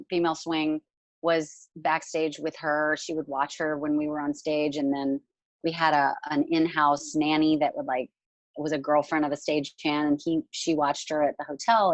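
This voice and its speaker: A woman's voice: sits low, dry recording, low-quality recording. A woman in her forties, a musical theatre actress, chatting casually over a video call and rambling with lots of fillers. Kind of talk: casual Q&A chat.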